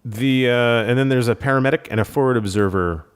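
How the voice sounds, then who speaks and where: Male podcast co-host, mid-pitched and clear, casual analytical game talk. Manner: enthusiastic, analytical, many "uh" pauses. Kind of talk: casual tabletop game chat.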